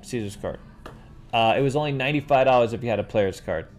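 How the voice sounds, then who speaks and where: Fast-talking and medium-pitched, a middle-aged New York City man hosts a casual livestream. He answers questions from viewers in an animated, rambling way, spinning stories and tossing out "dude" to everyone often.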